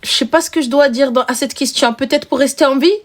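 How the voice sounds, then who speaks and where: A woman's voice: high voice, quick pace. A young woman hosting a live call-in stream, speaking bluntly and teasing her callers. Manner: blunt, teasing, switches into exaggerated mother voices. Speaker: live stream host taking calls. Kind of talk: casual live call-in chat.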